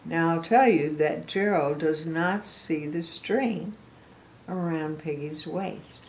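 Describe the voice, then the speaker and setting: In a deep, slow, slightly mellow voice, an older woman gives an expressive storybook reading to small children, describing the pictures and addressing the listener directly.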